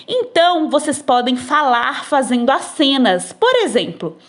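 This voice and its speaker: A woman teacher, explaining textbook exercises to children in a slow, patient way, recorded on a phone. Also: high-pitched, very animated.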